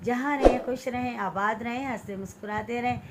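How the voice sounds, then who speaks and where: A woman's voice: a little high, a little fast, heavy background noise. A woman from Pakistan vlogging in her home kitchen, chatting to viewers while she cleans and cuts vegetables, often telling them to look. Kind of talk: casual chat to viewers while cooking.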